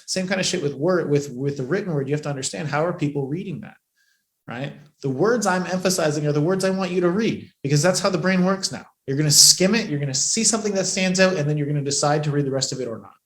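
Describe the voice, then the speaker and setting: A man coaching a live training session, profane and emphatic, pushing his voice loud and then dropping it low for effect. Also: fast talker. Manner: profane, emphatic, shifts between loud and hushed. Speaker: business coach. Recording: echoey room.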